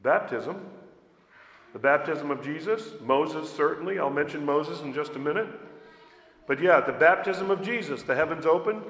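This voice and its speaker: A pastor preaches in a church sanctuary, talking conversationally with the congregation and asking them questions. His voice is a little high and a bit bright, with lively intonation at a moderate pace. The hall gives a roomy echo.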